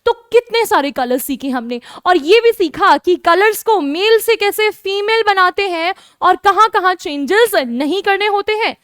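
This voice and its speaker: A woman with an Indian accent teaching French to children, repeating each word slowly and explaining patiently. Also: very high voice, animated, a bit bright, no room sound, clean studio sound. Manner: addresses pupils as kids, explains patiently. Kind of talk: online lesson in Hindi.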